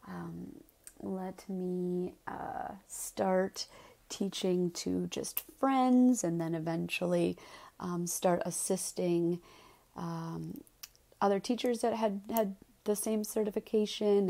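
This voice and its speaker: A woman in her thirties with a Wisconsin accent, a yoga teacher, chats casually about her path in a personal podcast monologue full of ums and likes. Her voice is fairly low, creaky, and darkish in tone.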